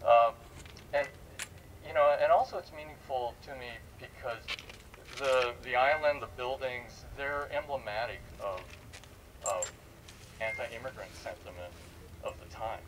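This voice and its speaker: Leading an audience discussion with students as a panel speaker, a man talks informally, probing with questions and repeating words. His mid-range voice moves at a measured pace, captured by a distant mic in a noisy room.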